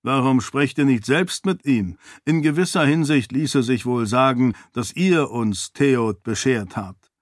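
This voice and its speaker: A man's voice: medium pitch, no echo, studio quality, close to an everyday voice. A man doing a stern, cunning warrior priest. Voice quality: slight foreign accent. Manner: calm, measured, condescending.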